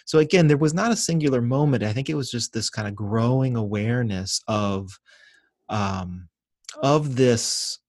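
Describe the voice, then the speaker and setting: Raised in Venezuela and Ecuador, this pastor and author talks as a podcast interview guest in a reflective, earnest, measured manner. His mid-range voice has a darkish tone, captured in clean studio sound without any room echo.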